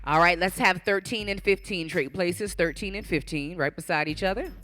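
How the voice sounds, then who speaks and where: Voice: mid-range voice, normal speed, bright, forceful tone. A bodybuilding show announcer speaking live from the stage, calling out directions to competitors and addressing the audience. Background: event music.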